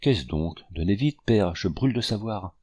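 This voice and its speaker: Un homme qui prête sa voix à une jeune femme ardente et émotive, dans un livre audio. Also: male voice, fairly low pitch, lively intonation, normal speed, warm tone, slightly rough, no room sound. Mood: eager. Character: young woman, eager, emotional, noble-hearted.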